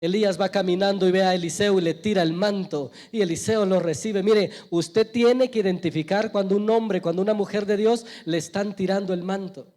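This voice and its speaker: High-voiced pastor preaching. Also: male voice, fairly even intonation, brisk, hardly any pauses. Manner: storytelling preacher, swells loud then drops to a hush. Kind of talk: sermon. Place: church.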